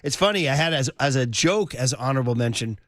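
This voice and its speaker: A man's voice: medium pitch, expressive, fast talker, a bit bright, dry recording. A man hosting a sports radio show in a studio, chatting casually and joking while rattling off his weekend picks. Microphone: studio mic.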